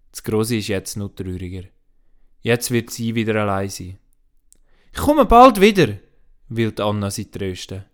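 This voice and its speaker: A man reading a children's story aloud in an expressive storybook lilt. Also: lowish voice.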